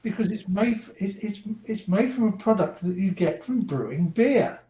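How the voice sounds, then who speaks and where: A man's voice: high-pitched, lively intonation, moderate pace, dark tone, lo-fi sound. A man in casual banter with fellow veterans, hesitant and prone to stammering. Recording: roomy echo.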